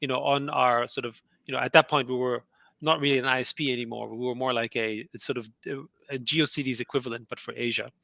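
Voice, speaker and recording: Speaking fast in a steady, medium-pitched voice that is creaky with a sharp tone, a middle-aged man tells his story without echo in the recording. An Austrian native German speaker appearing as a guest entrepreneur, he keeps the interview casual and chatty, laughing often amid many fillers and restarts.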